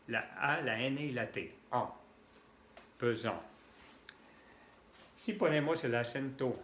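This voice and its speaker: French-accented male tutor, unhurried, roomy echo. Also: mid-range voice, a bit bright, a little hiss or hum. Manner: spells out letters and repeats sounds patiently. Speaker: French teacher. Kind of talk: slow language lesson.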